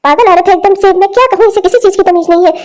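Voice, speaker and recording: A woman's voice: very high voice, rapid-fire. A woman voicing an elderly cartoon grandmother who lectures her family and scolds her daughter. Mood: consoling. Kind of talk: cartoon dialogue acting.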